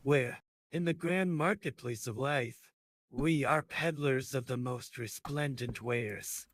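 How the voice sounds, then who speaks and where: Brief: man-voiced grandiose chatbot, flowery old-fashioned lecturing, mid pitch. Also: slow, dry recording, natural voice. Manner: ornate, archaic, lecturing speech. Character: pompous flowery male chatbot, grandiose and theatrical.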